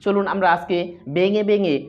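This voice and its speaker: A woman's voice: mid-range voice, little pitch movement, normal speed. A woman teaching Quran pronunciation step by step. She draws out model phrases and patiently explains each letter sound. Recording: slightly dull lo-fi recording.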